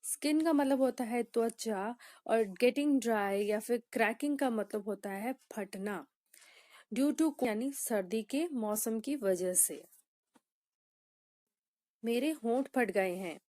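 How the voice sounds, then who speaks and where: A woman English teacher with a fairly high, mellow voice, delivering a lesson in a dry, close sound. She explains patiently and speaks each example sentence very slowly, then repeats it. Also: no room sound.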